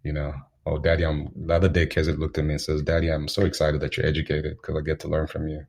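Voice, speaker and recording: Very deep gravelly man from Zambia. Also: monotone, a little mellow. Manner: unhurried, anecdotal, chuckles while telling stories. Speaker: guest. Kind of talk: reflective storytelling in an interview.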